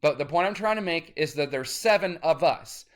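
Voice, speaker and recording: An independent musician in his thirties talks straight to camera in a rambling vlog rant full of cursing that grows loud and insistent. His pitch is fairly high, his intonation lively, and his pace moderate.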